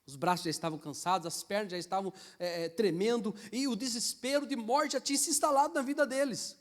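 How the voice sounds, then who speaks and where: A man with a Brazilian Portuguese accent preaching a sermon as pastor, telling stories with lively swings to emphatic peaks and acting out the quoted voices. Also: high voice, quick pace. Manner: animated storytelling, rising to emphatic peaks, acts out quotes.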